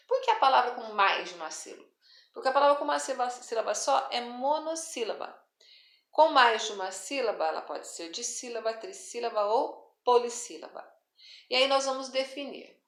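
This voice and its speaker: A woman's voice: medium pitch, fairly bright tone. Patient woman teaching in an echoey room. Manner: patient, repeats and stretches out stressed syllables. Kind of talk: classroom lesson.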